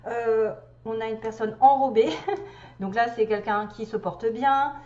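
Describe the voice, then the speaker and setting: A woman's voice: on the high side, steady tone, a little slow, darkish tone. A woman doing a casual tarot card reading for viewers, thinking aloud and chatty as she turns each card. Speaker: tarot reader. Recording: echoey room, dull lo-fi sound.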